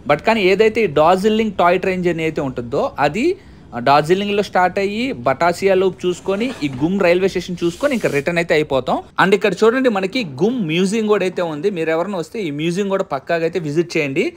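Riding a toy train outdoors, an Indian man chats his way through a casual travel vlog at a fast clip, his high voice steering viewers with "look here" as he points out the sights.

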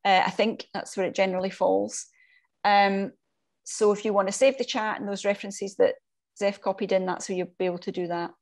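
A woman's voice: mid-range voice, little pitch movement, a little fast, vocal fry. Woman hosting a video call chat. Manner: warm, appreciative, with fillers. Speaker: host.

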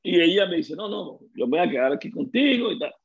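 Venezuelan guy on an interview podcast, raspy gravelly voice, dull lo-fi sound, acts out the quotes in his stories. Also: on the high side, fast talker. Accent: Venezuelan Spanish. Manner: lively storyteller who acts out quoted dialogue. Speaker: guest, former baseball player. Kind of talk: casual interview storytelling.

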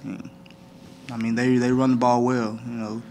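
Young male athlete at a press table mic, flat steady delivery, light room ambience. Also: mid-range voice, slight background noise. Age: young adult. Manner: flat, measured, many "I mean" fillers. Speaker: college football player. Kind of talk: postgame press conference answers. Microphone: table microphone.

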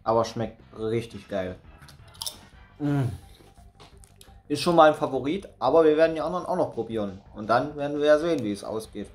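A man's voice: fairly high pitch, quick pace, a little mellow, faint music behind. A young man crunching and munching chips in a casual tasting vlog, talking in short slangy, laid-back phrases with appreciative hums, indoors with a crinkling bag. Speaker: food review video host. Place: indoors in a room with bookshelves.

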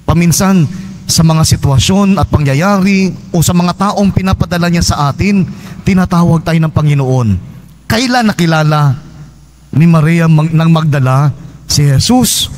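Filipino priest preaching in conversational tags. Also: male voice, a little high, normal speed, darkish tone. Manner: conversational preaching, frequent tag questions. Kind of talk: homily at Mass. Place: large church.

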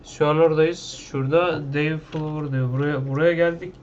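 A man's voice: a little high, fairly even intonation, normal speed, a little mellow, highs cut off, a little hiss or hum. A man playing a video game at his computer, talking loosely and with slang, half to himself, in casual gameplay commentary. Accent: Turkish. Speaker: gaming YouTuber.

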